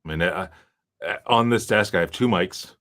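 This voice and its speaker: Man co-host, very low voice, easygoing, hesitant short answers. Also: moderate pace, fairly bright tone. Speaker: podcast co-host. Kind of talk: casual chat. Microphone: desk microphone out of shot.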